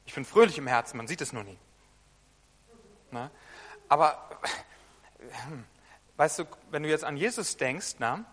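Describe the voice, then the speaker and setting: A man preaching a sermon in a chatty way, often turning to listeners with quick questions and moving between soft asides and loud, emphatic bursts. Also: a little high, expressive. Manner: conversational, often asks listeners "weißt du?" and "ne?". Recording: long hall reverb.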